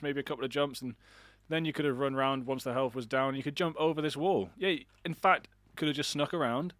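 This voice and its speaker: A man's voice: medium pitch, a bit bright, dry recording. A man casting an online shooter match alone, chatty and rambling, with self-deprecating asides. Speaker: esports caster. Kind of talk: solo game commentary.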